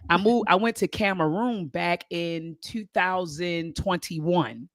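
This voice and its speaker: Speaking slowly in a lowish voice, a middle-aged American woman from Baltimore County, Maryland, is heard in clean studio sound with no room echo. She's a spiritual speaker guesting on an interview, recounting personal experiences emphatically, repeating phrases and checking that listeners are with her.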